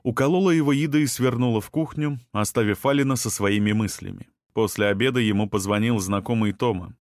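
A man narrating an audiobook in a calm, measured manner. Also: fairly low pitch, no echo, studio quality. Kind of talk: scripted narration.

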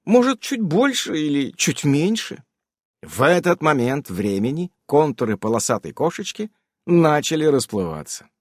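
A man reads a story aloud with a theatrical lilt, his voice higher than most and swinging widely. The recording is dry and close, with no room sound. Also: no echo. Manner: theatrical, animated reading. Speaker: audiobook narrator. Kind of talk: expressive audiobook narration.

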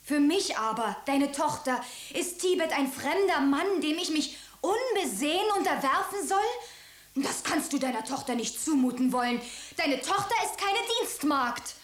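A woman's voice: high voice, lively intonation, normal speed. A young woman playing a proud, defiant princess who refuses her father. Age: young adult. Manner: defiant, cool. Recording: echoey room.

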